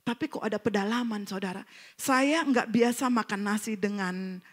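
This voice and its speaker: A woman from North Sumatra preaching a church sermon, addressing the congregation animatedly and swinging between loud exclaiming and hushed asides. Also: mid-range voice, moderate pace. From North Sumatra, Indonesia.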